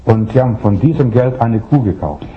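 An older man from Russia, preaching a sermon in short emphatic phrases and rhetorical questions, with pauses for an interpreter. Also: mid-range voice, expressive, a little hiss or hum. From Soviet Union, Russia. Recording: roomy, dull lo-fi sound.

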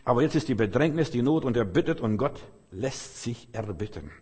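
A man's voice: medium pitch, animated, brisk, darkish tone, husky. A man preaching a sermon, emphatic and repetitive, stacking long lists of phrases. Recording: long hall reverb.

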